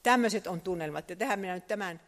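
A man preaching a sermon, telling the story in a lively way, his voice swelling loud and then dropping low. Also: big-room sound.

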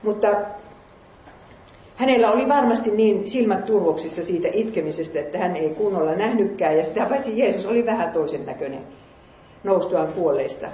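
A woman lay preacher reads scripture aloud and muses on it in an earnest sermon, putting questions to her listeners. Her voice is mid-range. The recording is roomy and muffled, with a little hiss or hum.

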